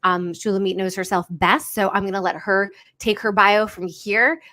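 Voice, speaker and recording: A woman hosts a casual livestream interview. She speaks out of the side of her mouth, numb after dental work. Her delivery is informal and enthusiastic, with an average pitch. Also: steady tone, normal speed, bright, forceful tone. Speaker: host.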